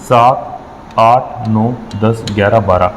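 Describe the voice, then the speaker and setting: A man's voice: lowish voice, slow pace, big-room sound, slight background noise, rough recording. A man teaching an exam-prep reasoning lesson, working through problems step by step and counting numbers aloud with frequent checks on his students.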